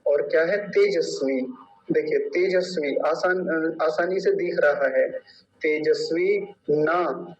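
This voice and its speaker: A man teaching Sanskrit pronunciation in an online class, drawing out each syllable slowly to demonstrate. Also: sits high, a little mellow. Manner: slow, drawn-out syllable-by-syllable demonstration. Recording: distant, dull lo-fi mic.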